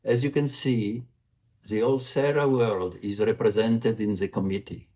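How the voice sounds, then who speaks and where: An Italian man, vice president for communications, delivers a formal prerecorded report in a measured way with an Italian accent. His voice sits low with a steady, darkish tone, and the audio is poor.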